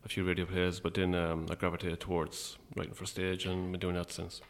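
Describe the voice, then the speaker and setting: Low, creaky Irish midlands man. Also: completely flat delivery, fairly quick. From Longford, Irish midlands. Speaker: interview guest, playwright. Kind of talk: casual interview conversation.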